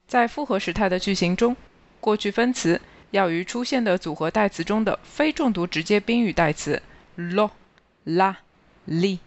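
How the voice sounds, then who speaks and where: Even-voiced teacher reading a grammar lesson, lo-fi. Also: medium pitch. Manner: slow, even, careful reading of word lists. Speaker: language teacher. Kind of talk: scripted grammar lesson narration.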